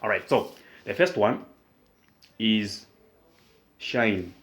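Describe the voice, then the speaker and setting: In this whiteboard math lesson, a male tutor with a fairly low, slightly bright voice breaks the problem down step by step. His delivery is slow and deliberate, circling back over points as he asks himself questions and then supplies the answers.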